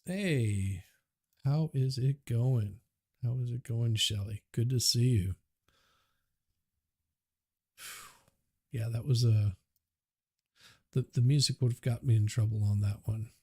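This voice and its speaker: Fiddling with his audio on a budget USB mic, a man casually chats through his livestream at an unhurried pace, muttering as he works. His voice sits at medium pitch, a little mellow with a breathy edge, and the dry recording has clean studio sound.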